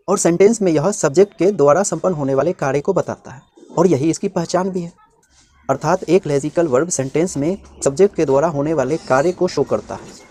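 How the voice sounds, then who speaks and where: A man with a mellow, warm voice explains English grammar like a classroom teacher. He spells each word out letter by letter and says it again and again, slowly and patiently. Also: fairly high pitch. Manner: spells words letter by letter and repeats them slowly.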